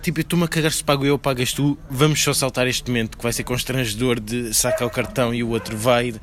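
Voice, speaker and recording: Young guy, mid pitch, chatting casually w lots of slang. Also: fairly even intonation, quick pace, noisy background. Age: young adult. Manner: slangy, peppered with English words. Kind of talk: casual chat.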